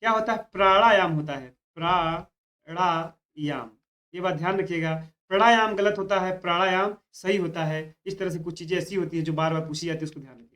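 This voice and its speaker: A man's voice: sits high, fast, few pauses, a bit bright. A man teaching Hindi spelling for an exam, stretching out each key word and often repeating that students should keep it in mind. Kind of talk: spoken exam-prep lesson.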